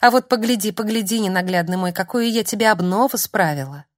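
A woman's voice: mid-range voice, fairly quick, natural voice. A woman voicing a simple-minded young village girl who babbles and pleads through tears in a nasal voice. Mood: doting.

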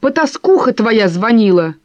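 A woman voicing a sharp-tongued wife who speaks forcefully and cuttingly. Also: on the high side, expressive, normal speed, no room sound, highs cut off, lightly acted. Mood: indignant. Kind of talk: audiobook character voice.

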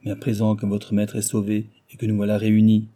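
A man's voice: on the low side, monotone, fast talker, dark tone, natural voice. A man voicing an anxious young Japanese woman in an audiobook, pleading in a raised voice.

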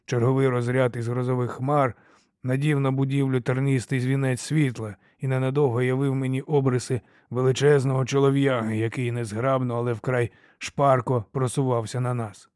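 A man reading an audiobook in a steady, measured first-person telling. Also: medium pitch, no echo, clean studio sound. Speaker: audiobook reader. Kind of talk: scripted audiobook narration.

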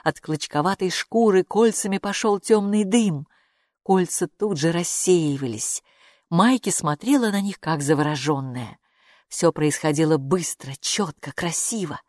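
A woman narrating a children's storybook with expressive, lively delivery. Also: lowish voice, unhurried, dry recording, studio quality. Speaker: audiobook narrator.

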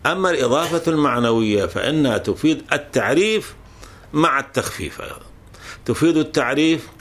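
A man's voice: on the high side, animated, fast, fairly bright tone. A man teaching a grammar lesson, patiently explaining with examples and often restarting words.

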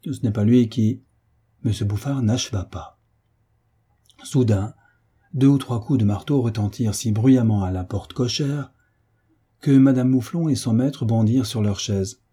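A man narrating a classic novel as an audiobook in a measured storytelling manner. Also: mid-range voice, mellow, breathy edge.

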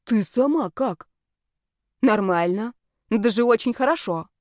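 A woman voicing a brash young man who coaxes his friend warmly. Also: a little high, expressive, a little slow, no echo, studio quality. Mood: coaxing.

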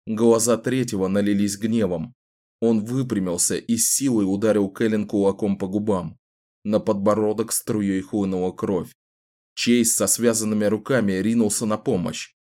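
A man narrating a fantasy audiobook in a measured, dramatic storytelling voice. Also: lowish voice, warm tone.

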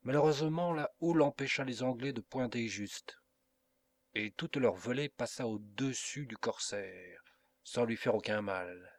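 A man narrating a classic adventure novel as an audiobook reader, in an expressive, dramatic storytelling manner. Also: medium pitch, a little slow, no echo.

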